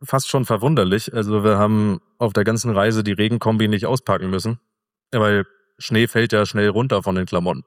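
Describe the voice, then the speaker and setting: A middle-aged man as an interview guest, telling a travel story in a relaxed, rambling way with fillers. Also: on the low side, a little fast, no room sound, clean studio sound, long reverb tail. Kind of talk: casual conversational storytelling.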